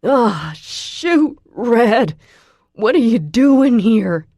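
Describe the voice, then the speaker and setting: A woman voicing an injured young man who shouts and pleads in pain. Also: lowish voice, slow pace, vocal fry, dry recording, clean studio sound, heavily acted. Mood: anguished. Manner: shouting, groaning in pain, desperate. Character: injured furious young man, Southern drawl.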